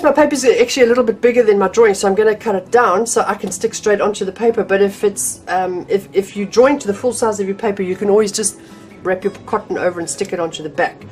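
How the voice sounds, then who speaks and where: A middle-aged woman with a darkish, medium-pitched voice teaches drawing casually from her home art room. Slightly nasal from a cold, she chats freely, with frequent ums and restarts.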